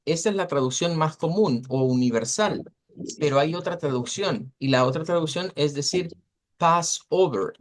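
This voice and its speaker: Patient and slow, a man whose voice runs a little high repeats words as he teaches English pronunciation in Spanish in an online class. His speech is full of fillers.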